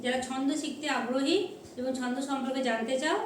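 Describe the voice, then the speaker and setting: A woman teacher giving a lesson at a board, speaking slowly and repeating syllables aloud to show how they sound. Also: high voice, slight background noise. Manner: slow, repeats syllables to demonstrate pronunciation. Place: classroom with a board.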